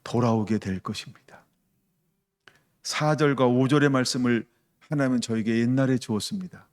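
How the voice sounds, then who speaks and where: A middle-aged man, a pastor, preaching a sermon in an animated storytelling way, putting rhetorical questions to the congregation. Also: medium pitch, normal speed.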